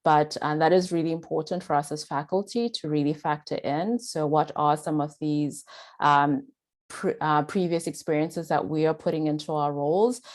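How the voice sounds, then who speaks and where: A woman with a Zimbabwean British accent gives an earnest faculty presentation, peppering it with frequent "uh" and "um." Her voice is deep and steady at a moderate pace.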